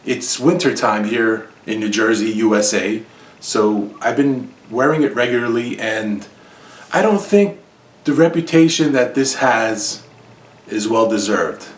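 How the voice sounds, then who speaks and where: A man's voice: on the low side, measured pace, roomy sound, far from the mic. A man hosting a casual review vlog, talking in a conversational, opinionated way and repeating points for emphasis. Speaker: fragrance reviewer. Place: home in New Jersey.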